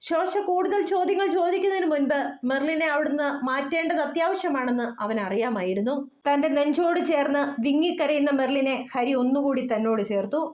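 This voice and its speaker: A woman's voice: sits high, a little fast, a little mellow. A woman reading an audio novel aloud in emotive scripted narration. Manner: emotive storytelling. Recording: roomy, dull lo-fi.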